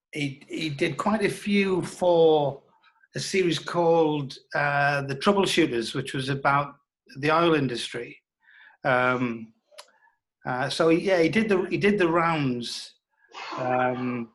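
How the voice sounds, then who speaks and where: The speaker is a guest in an interview, a British man in his sixties who used to be a television producer and journalist, looking back on the past. He has a slightly high voice, and the recording is poor.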